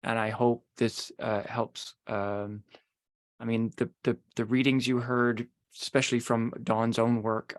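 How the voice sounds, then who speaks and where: A writer speaking a thoughtful, hesitant tribute over a video call. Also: male voice, mid-range voice, no echo. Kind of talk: spoken tribute.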